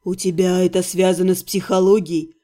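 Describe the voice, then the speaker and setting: Woman reading as a calm older male healer. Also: on the low side, a little fast, voice pushed down, lightly acted. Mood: calm, patient. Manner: quiet, patient, near-whisper.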